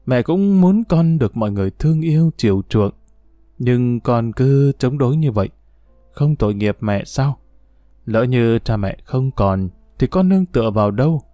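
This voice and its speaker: A man voicing a worried middle-aged mother in a read-aloud story, pleading softly and slowly with her child. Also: mid-range voice, lively intonation, no echo, clean studio sound, soft background music, natural voice.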